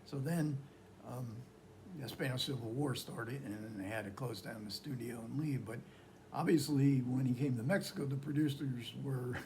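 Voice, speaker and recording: Man giving a halting informal film talk. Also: medium pitch, darkish tone, slight background noise. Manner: halting, searching delivery with repeated phrases. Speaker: film lecturer. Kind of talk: informal film talk recounting history and plot.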